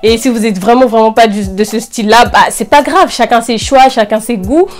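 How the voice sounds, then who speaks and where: A young woman with a fairly high voice talks briskly and casually, full of youth slang, as the excited host of an anime review channel recommending picks to her video audience.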